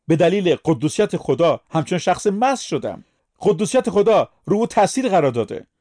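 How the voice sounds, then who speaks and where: A man's voice: high voice, dark tone. A man preaching a sermon, speaking emphatically and putting questions to his listeners.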